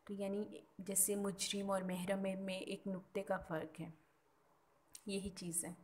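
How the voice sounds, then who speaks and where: A woman's voice: medium pitch, little pitch movement, measured pace, darkish tone. A woman teaching a recorded Urdu school lesson, explaining patiently and spelling words out letter by letter. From Pakistan.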